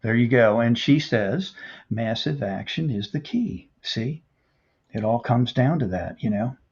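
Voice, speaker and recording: A man's voice: mid-range voice, animated, a little slow, a little mellow, husky, dull audio. Affirming male livestream host. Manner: affirming, reads viewer comments aloud. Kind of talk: livestream chat.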